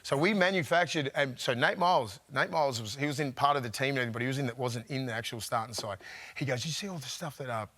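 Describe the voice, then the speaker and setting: A man, a former player, telling rambling, animated stories in casual chat and laughing often. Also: mid-range voice, fast talker.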